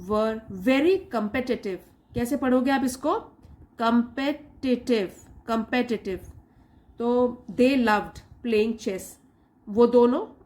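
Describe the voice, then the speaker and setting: A woman teaching an English reading lesson, reading English slowly word by word and explaining each part briskly. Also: on the high side, a little mellow.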